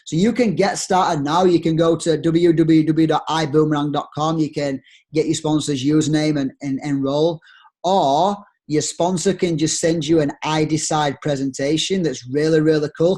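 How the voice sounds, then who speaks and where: Through a screen share, a young man from Yorkshire with a broad accent and a slightly mellow voice makes an energetic, persuasive pitch to network marketers, relying heavily on rhetorical questions.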